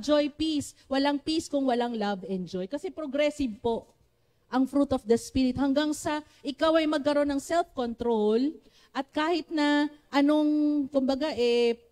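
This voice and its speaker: A woman with a Filipino accent preaching a sermon to a church congregation, with a naturally loud voice, often calling on the congregation to respond. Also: high voice. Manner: switches between Tagalog and English, asks the congregation for responses.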